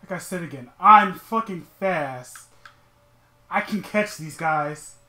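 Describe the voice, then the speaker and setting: A woman's voice: fairly low pitch, lively intonation, takes it slowly, sharp tone, reverberant. A woman commentating on her racing game, frustrated, swearing and laughing at herself. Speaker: gaming commentator. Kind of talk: casual gameplay commentary.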